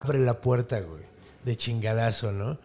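Slangy Mexican man with a gravelly voice. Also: medium pitch, over music. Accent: Mexican Spanish. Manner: slangy, animated, quick asides. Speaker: podcast host, storyteller. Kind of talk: casual retelling of a folk tale.

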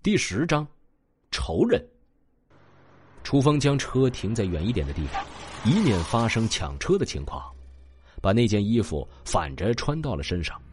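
A man narrating a novel, his voice low and husky. He tells it expressively, with a very wide, lively pitch range, over faint music. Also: normal speed, long pauses. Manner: expressive storytelling. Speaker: audiobook narrator. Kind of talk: scripted narration of a web novel.

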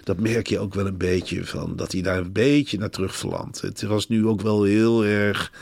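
A man with a fairly low voice co-hosts a relaxed podcast, spinning anecdotes with mock-earnest irony. His delivery is conversational and teasing. The sound is dry and close, with no room around it. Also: normal speed, creaky, no room sound. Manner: ironic, mock-earnest storytelling. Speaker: podcast co-host. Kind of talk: casual chat.

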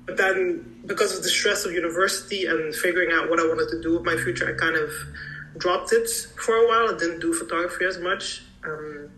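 A woman's voice: on the low side, fairly quick, bright, forceful tone, reverberant, a little hiss or hum, low-quality recording. A young woman from Belgium, a photographer, chatting fluently as a podcast guest with frequent ums. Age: young adult. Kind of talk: casual interview.

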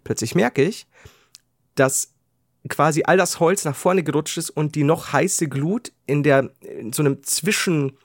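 A man co-hosting a podcast, telling a story in casual chat, animated and laughing, acting out his own panic and dropping to a hushed mutter for quoted thoughts. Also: a little high, unhurried, dry recording, studio quality. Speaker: podcast co-host.

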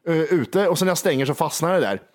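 A man's voice: fairly high pitch, lively intonation. A man in a casual podcast chat, bluntly telling stories about losing his temper and swearing often. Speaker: podcast co-host.

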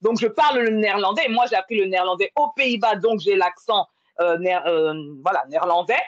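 Woman, husky breathy voice, dry close sound, muffled lo-fi, chatty storytelling. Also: medium pitch, fairly quick, no room sound. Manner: storytelling with many fillers. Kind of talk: casual conversation.

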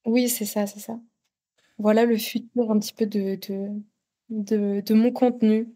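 French woman guest, mellow tone and a slightly high voice, casual and full of fillers. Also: flat delivery, measured pace. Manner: hesitant, many fillers and restarts. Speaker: podcast guest, content creator. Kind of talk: casual interview chat.

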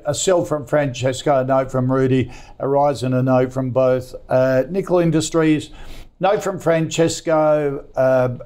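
A man hosting a finance chat show and recapping stock picks in a relaxed, steady way. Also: mid-range voice. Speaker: show host.

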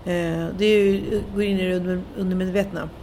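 Woman host, kinda low voice, lots of mm's, chill chat, faint hiss. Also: fairly even intonation, mellow. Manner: supportive, frequent "mm" backchannels. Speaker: podcast host. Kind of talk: casual chat.

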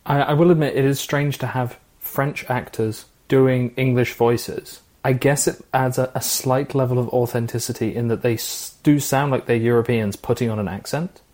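A man co-hosting a film podcast, speaking in a measured, reasonable way. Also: medium pitch, fairly even intonation, darkish tone. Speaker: podcast co-host. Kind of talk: casual chat.

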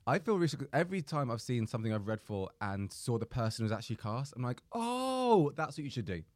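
A man co-hosting a podcast in a studio, cracking deadpan jokes in casual chat. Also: medium pitch, fast talker, no echo. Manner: deadpan joker. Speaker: podcast co-host.

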